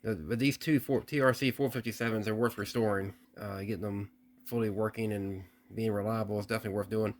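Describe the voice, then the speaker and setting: This lowish-voiced man keeps his intonation fairly even as he offers a relaxed, hands-on demonstration. He explains haltingly and repeats himself, much like a hobbyist presenting a repair video.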